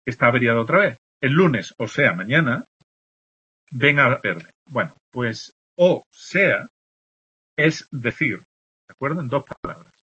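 A man from teaches a spelling lesson, sounding out example words and asking "¿de acuerdo?" after nearly every point. His voice is bright and a little husky, with a pitch that leaps up and down as he stresses the words. The recording is dull and lo-fi. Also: animated, measured pace. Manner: explains patiently, checks in with constant "¿de acuerdo?". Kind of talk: spelling lesson explaining accent marks.

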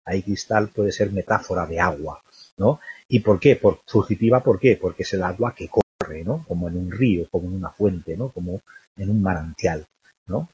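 This is a dull, dry, lo-fi recording of a poetry lecture in which a male literature teacher with a low, mellowish, slightly rough voice speaks at normal speed. He constantly thinks aloud, checking with the listener via tag questions after almost every phrase.

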